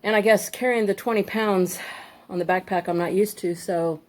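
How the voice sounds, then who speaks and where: A woman's voice: medium pitch, steady tone, moderate pace. A woman, out of breath, chatting casually on a hiking trail. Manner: chatty, rambling with fillers. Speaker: hiking vlogger. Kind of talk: casual vlog chat.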